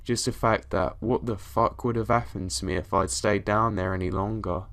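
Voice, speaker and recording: A man reading out scripted horror stories in a steady, even storytelling delivery. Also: lowish voice, normal speed, vocal fry. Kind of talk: scripted narration of reader stories.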